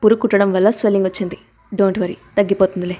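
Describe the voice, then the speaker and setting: A woman reading an audiobook aloud and voicing a protective, commanding young husband a little lower than her narration, with no big change of voice. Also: steady tone, racing, mellow, natural voice. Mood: firm.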